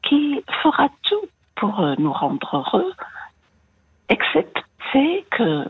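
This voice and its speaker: A woman's voice: sits high, wildly swooping pitch, slow, dry recording, narrow, tinny audio. A woman in her sixties from France with a slight American accent, calling in to a radio show and talking hesitantly with many fillers. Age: 60s. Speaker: caller. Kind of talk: phone-in confession.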